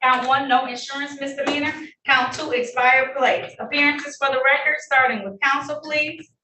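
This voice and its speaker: Her voice sits high and stays steady as a woman judge presides over traffic court, reading charges and rulings at a normal speed with a formal but friendly manner. The tone is bright and forceful. Heard in a courtroom recording, the sound is roomy and distant with faint noise.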